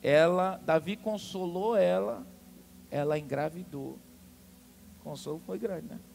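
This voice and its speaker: A man's voice: high voice, measured pace, vocal fry, a little mellow. A man preaching a sermon, telling the story dramatically and calling out to the congregation. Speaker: pastor.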